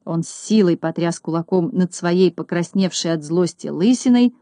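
A woman reading a children's story aloud in a steady, even narration. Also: on the low side, moderate pace, no echo, clean studio sound. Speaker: audiobook reader.

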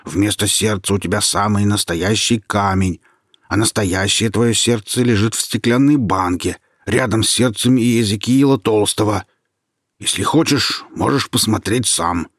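A man reading aloud and voicing a sinister male forest sorcerer who bullies and gloats, loud and commanding. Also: lowish voice, no room sound, clean studio sound. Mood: angry, boastful. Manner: loud and commanding, turning to a slow menacing hush.

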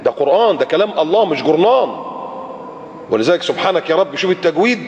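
A man's voice: a little high, lively intonation, quick pace. A man with an Egyptian accent giving a colloquial religious lecture, sounding out letters and acting out his examples. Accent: Egyptian Arabic. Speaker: preacher. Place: lecture hall or mosque in Qatar. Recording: echoey hall, dull lo-fi recording.

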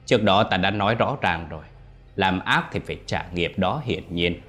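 A man's voice: deep voice, expressive, normal speed, a bit bright. A man voicing a stern older spirit master who speaks in a solemn, lecturing way in a ghost story. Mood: grave.

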